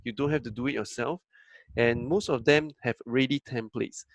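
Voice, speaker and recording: A man's voice: mid-range voice, normal speed, no room sound, rough recording. A man giving a training talk as a business coach, conversational and full of fillers, often acting out what others say. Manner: conversational, acts out quoted dialogue, frequent fillers.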